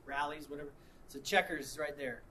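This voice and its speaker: A man's voice: a little high, fairly even intonation, brisk, bright, forceful tone, slight background noise. A man preaching a sermon, telling a personal story in a conversational way and often repeating and restarting his words. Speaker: pastor.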